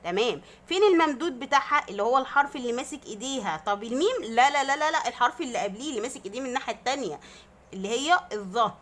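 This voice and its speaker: A woman with an Egyptian Arabic accent, working as a primary school teacher, speaks in a high, expressive, rapid-fire, somewhat bright voice. Teaching grammar to young children, she explains patiently, answers her own questions, and lengthens vowels to show long sounds.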